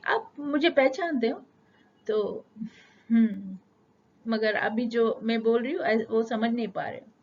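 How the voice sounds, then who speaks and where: A middle-aged woman teaching spoken English, explaining patiently with everyday examples and slowing down on English sentences. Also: on the high side, a little mellow, slight background noise. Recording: dull lo-fi sound.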